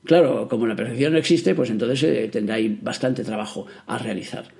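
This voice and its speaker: A man's voice: mid-range voice, a little fast, creaky, darkish tone. A middle-aged man, teaching astrology in a spoken lecture, explaining patiently with rhetorical questions and fillers.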